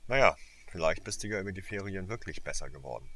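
A man's voice: low voice, expressive, fast, sharp tone, exaggerated voice. A man voicing a cold, domineering teenage team captain who talks curtly. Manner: cold, curt, commanding.

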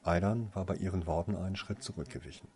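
A man reading a novel aloud in measured, even narration. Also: low voice, slight background noise. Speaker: audiobook narrator. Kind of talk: scripted narration.

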